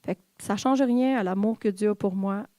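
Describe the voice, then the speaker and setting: At a church in Quebec, a woman gives a candid, confiding personal testimony, speaking directly to the congregation in a Québécois French accent. Her mid-range voice is dark and moves at a moderate pace, with no echo.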